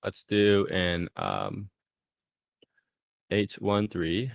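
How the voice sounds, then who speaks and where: Low-voiced man talking through a demo. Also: extremely slow, gravelly, dry recording, clean studio sound. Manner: relaxed, thinks aloud while clicking, punctuates steps with "boom". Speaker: guest walking through a software demo. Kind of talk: casual live screen-share tutorial.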